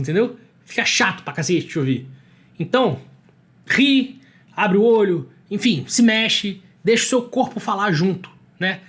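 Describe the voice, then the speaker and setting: A young man with a Brazilian Portuguese accent giving blunt, emphatic coaching advice straight to camera, swearing freely. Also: sits high. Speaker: marketing coach. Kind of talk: casual talk to camera.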